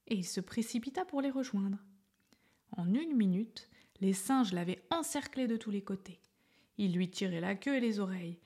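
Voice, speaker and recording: A woman reading a children's story aloud in a soft, gentle way, often half-whispered. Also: fairly high pitch, husky.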